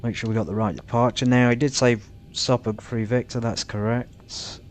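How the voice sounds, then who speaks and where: Over a rumbling background, a man casually talks through his flight simulator session in a halting way. He mutters to himself between pilot radio calls, keeping his tone level.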